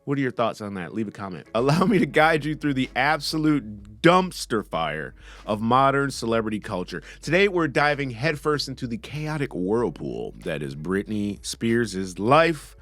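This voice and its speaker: A male podcast host riffs through a sarcastic monologue, his pitch swinging up and down as he mocks the news. Faint music runs underneath. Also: normal speed. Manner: mocking, snarky, animated delivery.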